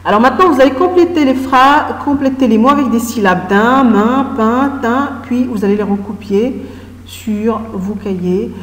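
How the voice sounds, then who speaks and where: A woman teacher leading a reading lesson for young children, sounding out syllables one by one and praising often. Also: on the high side. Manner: slow, syllable-by-syllable, frequent praise. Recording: echoey room with long reverb.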